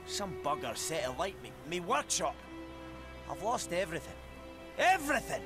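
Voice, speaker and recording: An actor playing a bitter, sarcastic old village blacksmith who grumbles coarsely, in video game dialogue. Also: male voice, a little high, very animated, normal speed. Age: older. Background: game music.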